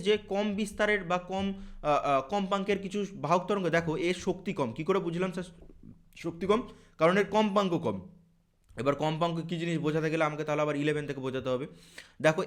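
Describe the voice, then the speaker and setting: A man teaches a physics exam-prep lesson at a rapid clip, his voice pitched somewhat high. He works through each step aloud and raises the students' likely questions before answering them himself.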